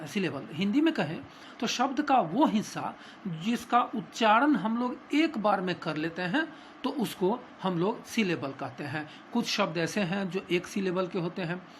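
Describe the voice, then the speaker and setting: Male Indian English tutor, slow deliberate lesson delivery, hesitant, faint background hiss. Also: high-pitched. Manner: slow, hesitant, explanatory, frequent filler pauses. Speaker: English teacher. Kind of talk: classroom grammar lesson, Hindi mixed with English.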